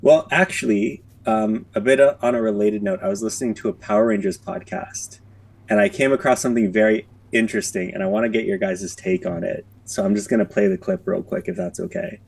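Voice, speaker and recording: A man's voice: fairly low pitch, sing-song, brisk, gravelly, distant mic. A man co-hosting a fan podcast in casual chat, easygoing, mostly chiming in with short agreement. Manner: easygoing, brief agreeing replies. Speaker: podcast co-host. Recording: dry, a bit off-mic.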